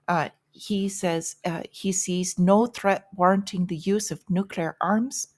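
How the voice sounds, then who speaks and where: A woman's voice: on the low side, a little mellow. A woman hosting a market and news commentary show, opinionated, with sarcastic asides and frequent fillers. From United States.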